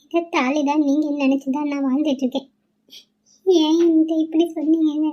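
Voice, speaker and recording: Cartoon: high-pitched, tearful young newlywed wife, voiced by a woman, with a mellow, pleading tone. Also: fairly even intonation, fairly quick, dull audio, close to an everyday voice. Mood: grieving. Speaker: cartoon character voice. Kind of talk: cartoon voice acting.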